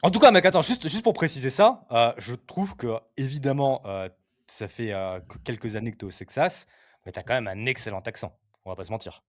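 A man in a casual conversation, relaxed and agreeable, chiming in with remarks. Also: medium pitch, brisk. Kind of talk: casual chat.

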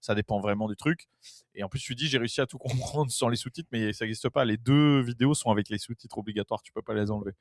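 A man's voice: mid-range voice, fast, dry recording, studio quality. A Frenchman speaking casually and emphatically, often repeating himself and swearing now and then. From France. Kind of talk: casual chat.

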